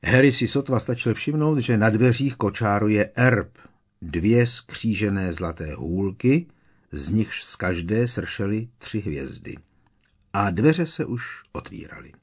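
A man reads a storybook aloud as narrator. His delivery is measured and expressive. The voice sits fairly low. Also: breathy edge. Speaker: audiobook narrator. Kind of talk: scripted narration.

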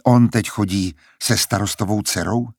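A man's voice: on the low side, fairly even intonation, no echo, studio quality, lightly acted. A man voicing a cold, curt young man in an audiobook reading.

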